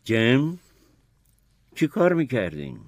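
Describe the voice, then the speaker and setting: A man voicing Atticus, a calm but stern lawyer father who scolds his children firmly in a Persian audiobook drama. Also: medium pitch, dry recording, clean studio sound. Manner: firm, measured, scolding.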